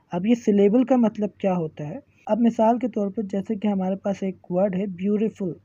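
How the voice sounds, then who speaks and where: A woman teaching an English grammar lesson, patiently repeating examples and slowing down to spell them out. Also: mid-range voice, dark tone, husky, dry recording, highs cut off. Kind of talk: classroom grammar lecture.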